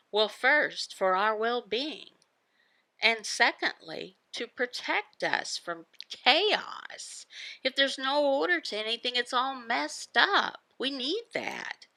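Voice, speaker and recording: A woman delivers devotional teaching from a signed sermon, speaking slowly and deliberately in a mid-range voice that is bright, forceful, and gravelly. She uses short, halting phrases, asking questions and answering them herself. The recording is close and dry.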